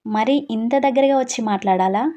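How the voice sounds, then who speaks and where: A woman's voice: fairly high pitch, brisk, mellow, dull audio, close to an everyday voice. A woman voicing an innocent, sweet young wife who pleads and protests in a read-aloud story.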